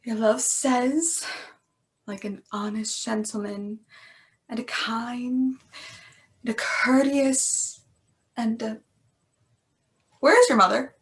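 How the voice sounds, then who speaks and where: A woman's voice: a little high, measured pace, a bit bright. A woman acting a weary old nurse who sighs and complains, in an amateur Shakespeare reading. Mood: teasing. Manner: sighing, complaining, drawn out. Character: grumbling old female nurse, weary and teasing.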